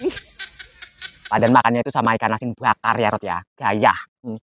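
A man acting a grumbling, quick-tempered village mother in a slapstick sketch. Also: fairly low pitch, steady tone, sharp tone, highs cut off, a little hiss or hum. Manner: grumbling, mocking asides. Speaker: comic actor.

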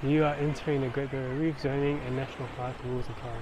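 Casting: man in his thirties, casual travel vlogger, handheld mic, clear outdoor wind and ambient noise. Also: mid-range voice, little pitch movement, fast talker. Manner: chatty, explains to viewers. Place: outdoors by the sea, on a jetty. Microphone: handheld mic on camera.

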